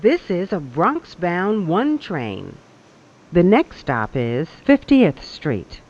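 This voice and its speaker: A recorded subway announcer heard over a train loudspeaker, speaking in measured, evenly spaced phrases. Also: mid-range voice, sing-song, dull audio. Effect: played over a train loudspeaker.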